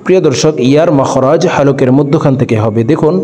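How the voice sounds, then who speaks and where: A man's voice: a little high, fast talker, dark tone, slight background noise. A man teaching Quran recitation, spelling out letters one by one and drawing out the long vowels. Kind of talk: slow spelled-out recitation lesson. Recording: long hall reverb.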